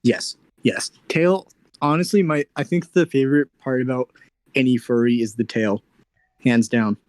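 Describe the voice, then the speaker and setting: A man's voice: medium pitch, steady tone, moderate pace, no echo. A man chatting casually as a guest, easygoing and often stumbling over his words. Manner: easygoing, hesitant, stammers and restarts. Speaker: guest commissioning a drawing. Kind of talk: casual chat.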